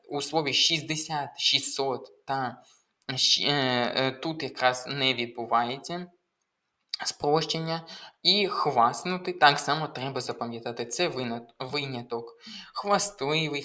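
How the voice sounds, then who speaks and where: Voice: mid-range voice, pushed and bright. A language tutor working through exam questions in a methodical, step-by-step way, with frequent hesitations while explaining. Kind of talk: exam walkthrough lesson.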